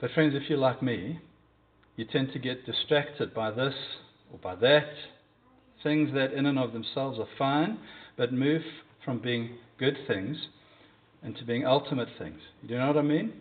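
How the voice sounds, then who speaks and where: A man's voice: medium pitch, a little slow. A man preaching a sermon in an earnest, conversational way, repeating key points for emphasis. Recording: tinny phone-like audio.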